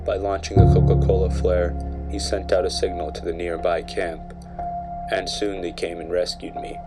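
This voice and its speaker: A man's voice: low-pitched, flat delivery, normal speed, over loud music, natural voice. A man playing a war veteran, narrating his memories solemnly and gratefully as scripted film voice-over.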